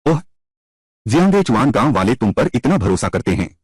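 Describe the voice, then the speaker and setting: A man's voice: medium pitch, sing-song, normal speed, a little mellow, slightly rough, no echo. A man reading all the parts of a dubbed drama in one voice, switching between scornful taunts and pleading.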